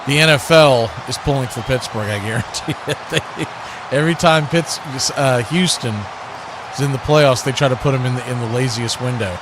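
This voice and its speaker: A medium-pitched man talks fairly quickly through background noise, giving radio-style play-by-play of live American football. He's a commentator and watch party host whose calls come in short, punchy phrases rich with colourful action verbs.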